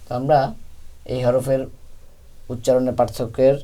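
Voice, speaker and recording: A man's voice: medium pitch, flat delivery, normal speed, mellow. A man teaching Quran recitation, patiently explaining letter sounds and repeating each one for practice. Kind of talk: step-by-step pronunciation lesson.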